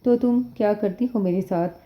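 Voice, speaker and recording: A man's voice: high voice, natural voice. A woman reading the part of an angry young husband in an audio novel, speaking in a clipped, sarcastic way, on a dull lo-fi recording.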